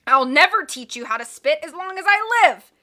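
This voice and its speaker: A woman performs the audiobook role of a blustering, greedy middle-aged villain, snarling as he growls, sneers, and roars at everyone. Her voice sits on the high side, expressive and sharp, at normal speed.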